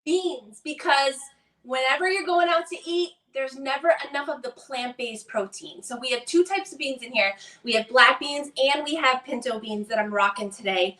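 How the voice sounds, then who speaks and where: A woman's voice: sits high, normal speed, bright, forceful tone. A woman with a Boston accent doing a chatty, upbeat live cooking demonstration in a home kitchen. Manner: upbeat, chatty, talks to viewers while working. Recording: echoey kitchen, mic at a distance.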